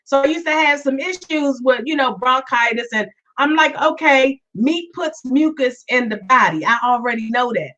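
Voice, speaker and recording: Her voice still weak after being sick, a podcast host chats live and casually, repeating herself and calling out listeners by name. She talks at normal speed with hardly any pauses, in a high-pitched, animated voice with a fairly bright tone. It's recorded with dull lo-fi quality, a bit distant.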